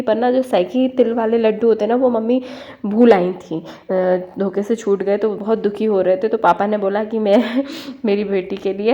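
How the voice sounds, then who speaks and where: A woman's voice: mid-range voice, mellow, highs cut off. A young woman with a cold, talking in a chatty, homely way as she vlogs, full of little fillers. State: has a cold. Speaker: home vlogger. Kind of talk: casual vlog chat.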